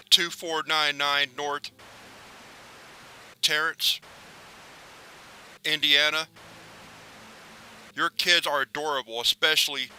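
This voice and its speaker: A man's voice: on the high side, pushed and bright, a little hiss or hum, exaggerated voice, rough recording. A man voicing a vicious cartoon pelican. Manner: profane, taunting, menacing threats. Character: vicious foul-mouthed male cartoon pelican. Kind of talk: horror story reading.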